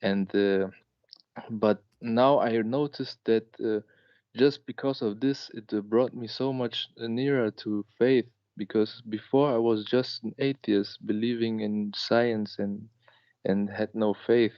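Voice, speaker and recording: A man in his late twenties from Germany, calling into a live show and telling a personal story in a halting way. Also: on the low side, steady tone, no echo, lo-fi sound. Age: late 20s. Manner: halting, with many fillers and restarts. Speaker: caller.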